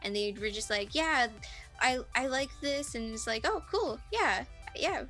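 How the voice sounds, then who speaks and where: A woman's voice: sits high, lively intonation, unhurried, bright, forceful tone, soft background music. A nineteen-year-old woman interviewed over a video call, rambling casually with lots of fillers and self-deprecating asides.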